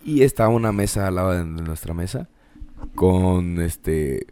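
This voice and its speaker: A man's voice: deep voice, lively intonation, unhurried, mellow, slight background noise. A man with a Mexican accent, co-hosting a casual podcast and telling stories in a laid-back, slangy way. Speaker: podcast co-host. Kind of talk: casual chat.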